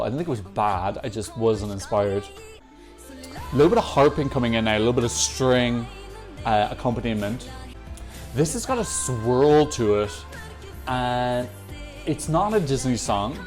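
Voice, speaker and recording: With a slightly mellow mid-range voice, this male host gives chatty, opinionated reactions to Eurovision entries, fixing his own remarks as he goes, while the songs play faintly in the background.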